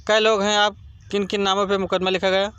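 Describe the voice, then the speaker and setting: A man's voice: high voice, level tone, brisk, a bit bright, smooth. A man working as a news reporter, questioning someone and insistently repeating answers back. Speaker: local TV news reporter interviewing. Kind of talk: field interview questioning.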